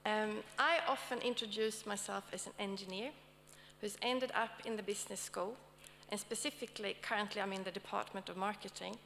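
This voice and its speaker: In a conference hall with long reverb and a faint hum, a Swedish-accented woman from Sweden opens a session she's moderating, also serving as an academic speaker. Her mid-range voice is brisk and sharp with fairly even intonation, and she checks in with the audience often amid fillers.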